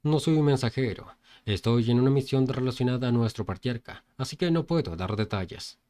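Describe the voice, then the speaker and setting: A man voicing a brash, rude young martial artist who talks bluntly and makes loud demands. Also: medium pitch, brisk, close to an everyday voice. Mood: calm.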